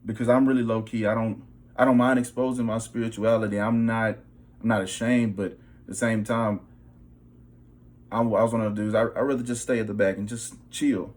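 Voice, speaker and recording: A man's voice: fairly low pitch, flat delivery, fairly quick, darkish tone. A young man giving a personal spiritual testimony in a casual, emphatic way, often checking in with his listeners. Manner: casual, emphatic, repeats "bro" and "okay". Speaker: vlogger.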